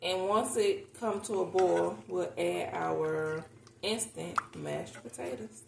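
An American woman who vlogs about home cooking speaks slowly in a fairly low voice with vocal fry and big pitch swings, chatting casually and candidly as she cooks. She's indoors in a roomy home kitchen, and the recording picks up noticeable background noise.

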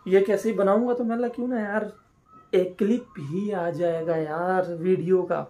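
Soft music plays behind a young Pakistani man whose high, dark-toned voice keeps a fairly even intonation at a moderate pace. He chats casually to his viewers, calling them "brother," while making a shake in his home kitchen and then waiting in a car at a drive-through. It's an easygoing vlog on noisy handheld phone audio.

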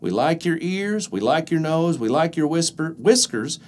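Stubborn little bees in a picture book, high sing-song chorus, read by a man. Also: expressive, normal speed, darkish tone, lightly acted.

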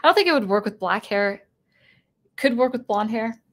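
A woman's voice: a little high, lively intonation, moderate pace, a bit bright. A tired woman chatting casually on a live stream, reading chat and rambling through thoughts with many restarts. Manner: rambling, self-interrupting, chuckling.

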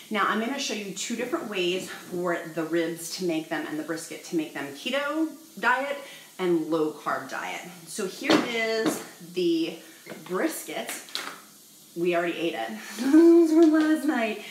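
A woman talks straight to camera in a home cooking vlog, bubbly and jokey. Her voice sits a little low. The room around her is echoey, with a faint hiss of noise. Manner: chatty, bubbly, jokey, addresses viewers as y'all. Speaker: vlogger.

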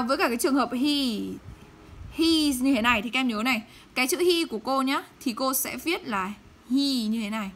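Bright-voiced Vietnamese woman teacher. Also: sits high. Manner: checks often with questions to students; models English words slowly. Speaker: English teacher. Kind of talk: pronunciation lesson.

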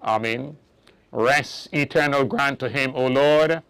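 Clear, solemn man praying at a graveside. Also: medium pitch, fairly bright tone. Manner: solemn, measured. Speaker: priest leading a burial. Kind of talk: formal liturgical prayer recitation at a graveside. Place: outdoors at a graveside.

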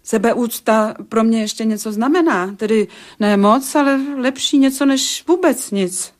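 A woman's voice: on the high side, lightly acted. An actress in a radio play voicing a sceptical woman who teases and bargains in a dry, colloquial way. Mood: sardonic. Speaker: actor in radio drama. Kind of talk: Czech radio play acting.

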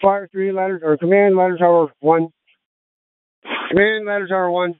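A man giving a firefighter radio report in a high, level voice. It is clear but squeezed through a dry, tinny two-way radio. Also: fairly even intonation, normal speed, no room sound. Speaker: ladder crew firefighter.

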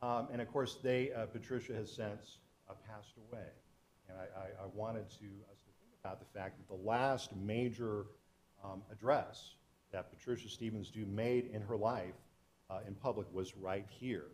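A middle-aged man with a fairly low voice speaks to an audience as a historian and author. His delivery is earnest and storytelling, and he often restarts his phrases as he recounts events. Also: steady tone, normal speed, a little mellow, a little hiss or hum. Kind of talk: public talk to an audience.

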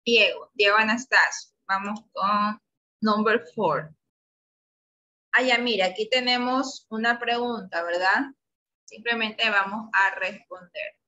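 A woman teacher with an Ecuadorian Spanish accent leads a children's English class. Her voice is bright and clear, and she keeps coaxing the pupils with patient questions. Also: medium pitch, slow pace, poor audio. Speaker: primary school English teacher. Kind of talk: online class lesson.

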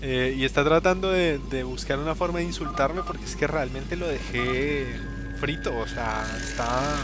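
A man's voice: medium pitch, moderate pace, over music. A young Latin American man in a home room, commentating a strategy game replay on a headset, mocking and rambling with many fillers. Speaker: gameplay commentator.

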